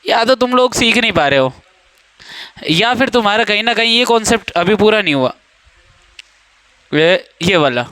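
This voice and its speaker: Young male coaching-class teacher, high clear voice, playful and teasing with students, dry classroom sound. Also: bright, forceful tone, no echo. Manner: joking, teasing students, quizzing them by name. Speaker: English teacher. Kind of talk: classroom grammar lesson.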